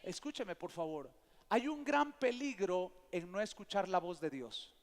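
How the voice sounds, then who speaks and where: A man's voice: sits high, measured pace. A middle-aged man, preaching a sermon and asking the congregation for amens. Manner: lively storyteller, calls for amens. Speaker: pastor. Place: church sanctuary. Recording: long church hall reverb.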